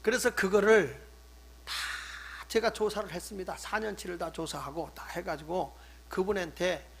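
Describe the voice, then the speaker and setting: An older man, a pastor, preaching a sermon, swinging between loud emphatic stresses and hushed asides. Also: sits high, steady tone, normal speed, vocal fry, slight background noise. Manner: acts out scolding quotes in conversational tone.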